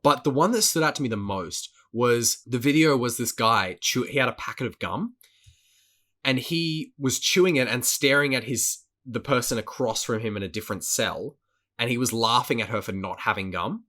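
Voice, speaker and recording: A man's voice: mid-range voice, normal speed, bright, forceful tone. A man co-hosting a podcast in casual chat, swearing often, laughing and repeating words as he talks. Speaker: podcast co-host.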